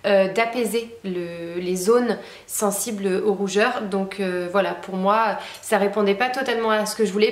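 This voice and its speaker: A young woman talks casually in a friendly review chat, pausing often with hesitations and little fillers. Her pitch sits in an ordinary middle range. The sound has a noticeable roomy echo. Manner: chatty, with frequent hesitations and fillers. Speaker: beauty vlogger.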